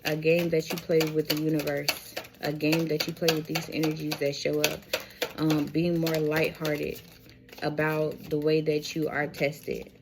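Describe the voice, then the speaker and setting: A woman giving a spiritual tarot reading to her viewers, speaking in a slow, reflective way, repeating phrases and calling them y'all. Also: sits low, completely flat delivery, vocal fry, noisy background. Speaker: tarot reader.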